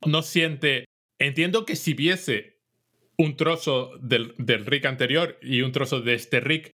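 A man co-hosting a podcast recaps a cartoon episode in casual conversation. His mid-range voice is slow and sharp in tone, and he walks through the plot, quoting lines with little acting.

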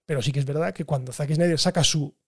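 A man with a Spain Spanish accent talks films in a loose, animated way, laughing as he goes. His voice sits high for a man. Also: fast talker, husky. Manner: animated, laughing, swears casually. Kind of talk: casual film discussion.

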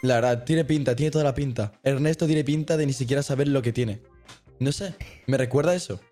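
A man's voice: mid-range voice, a little fast, mellow, soft background music. A man on a casual podcast quiz, laid-back and agreeable as he guesses the answers.

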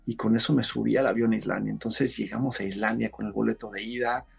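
A man, a podcast guest, telling a story in casual conversation, animated and acting out what others said. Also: on the low side, quick pace, vocal fry, husky. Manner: animated storyteller, acts out shouted quotes.

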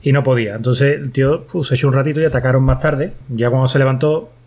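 Rambling Spanish comic storyteller. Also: male voice, medium pitch, steady tone, fast, darkish tone. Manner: crude, laughing, rambling. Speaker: comedy show host. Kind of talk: joking storytelling.

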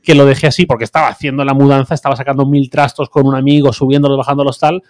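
A man's voice: medium pitch, flat delivery, very fast, a little mellow, dry recording, clean studio sound. A man chatting casually on a podcast, hesitant with many fillers.

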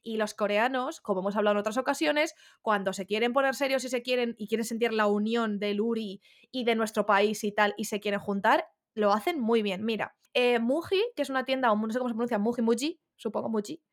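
Fast-talking playful Spanish woman host. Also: on the high side. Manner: chatty, playful, acts out quoted voices. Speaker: podcast co-host. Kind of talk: casual chat.

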